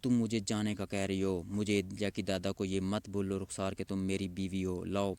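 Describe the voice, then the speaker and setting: Brief: blustering gangster bully, read by a man, gruff and loud, low voice. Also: level tone.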